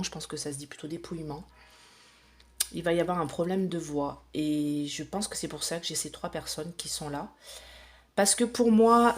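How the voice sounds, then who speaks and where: A woman's voice: on the low side, husky. A woman chatting casually to camera as she lays out runes and cards for a reading, explaining each step with plenty of fillers. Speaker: psychic reader.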